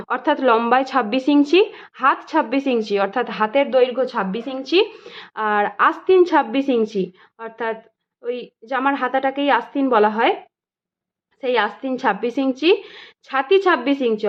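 A woman tutor with a high voice and a Bengali accent reads a story to her students, then goes back over each line to explain it simply. The recording is dull and lo-fi. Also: expressive, moderate pace. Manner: reads story lines aloud, then explains them plainly. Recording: dull lo-fi sound.

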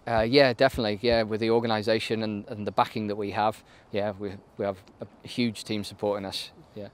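A man's voice: fairly low pitch, flat delivery, brisk, a little hiss or hum. A man in his thirties, interviewed outdoors by a lake, giving matter-of-fact answers and saying "yeah" often. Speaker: army canoe racer being interviewed.

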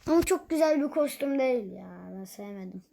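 A woman's voice: sits high, animated, fairly quick, vocal fry, warm tone, slight background noise. A young woman talking casually over her own gameplay, chatty and easily exasperated, with teasing asides. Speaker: gaming youtuber.

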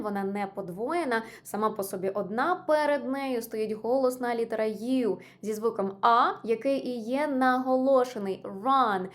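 A woman teaching an online English lesson, patiently explaining spelling rules and stressing each example word. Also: fairly high pitch.

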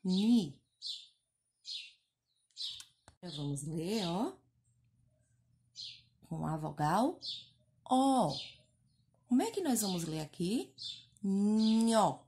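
A woman teacher from Brazil with a northeastern Brazilian accent, speaking slowly in a sing-song way as she sounds out syllables and praises young children in a recorded phonics lesson. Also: lowish voice, huge pitch swings, a little mellow, slight background noise. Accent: Brazilian Portuguese, northeastern. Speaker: first-grade teacher.

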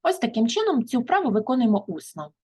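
Woman English teacher, slightly high husky voice, walks students through a textbook lesson. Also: very animated, darkish tone, rough recording. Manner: switches between slow English and quick translations.

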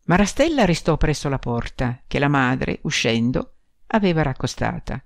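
A woman narrating a classic short story for an audiobook, measured and expressive. Her pitch moves in a lively, animated way while the delivery stays steady. The recording is dry and close to the mic. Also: gravelly, no room sound.

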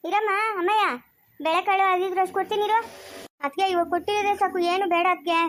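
Woman putting on a shrill old village matriarch. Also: fairly even intonation, fast talker, slight background noise. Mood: coaxing. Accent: rural Karnataka Kannada. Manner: shrill, scolding, loud calls. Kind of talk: village family skit acting.

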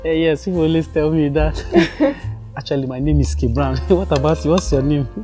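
A man's voice: on the high side, fairly even intonation, a little fast, mellow, faint music behind. A man with a Nigerian English accent acting a nervous young suitor in a comedy skit, often giggling.

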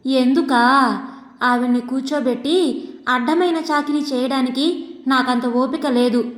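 A woman's voice: high voice, measured pace. Woman playing a sarcastic nagging housewife, echoey. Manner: taunting, sarcastic scolding. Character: sharp-tongued middle-aged housewife, quarrelsome. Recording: echoey room with long reverb.

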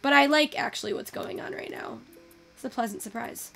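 A young woman chatting casually through a photo-editing tutorial, thinking out loud and swearing now and then. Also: high voice, a little fast, gravelly, faint music behind. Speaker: virtual photography streamer.

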